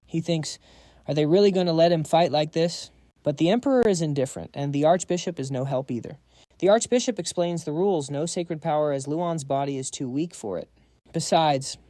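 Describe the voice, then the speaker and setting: A man's voice: a little high, dark tone, no echo. A man narrating a scripted story recap, dropping quips to the audience.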